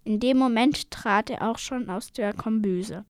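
A woman reading a storybook aloud in a steady, expressive way. Her voice sits a little high for a woman, and the recording is close and dry. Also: unhurried, smooth, no echo. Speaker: narrator.

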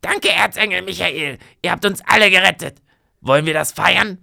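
A man voicing a young witch girl, shouting in a shrill, frantic voice in a told storybook tale. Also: moderate pace, creaky, no echo, clean studio sound, full character voice. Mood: grateful.

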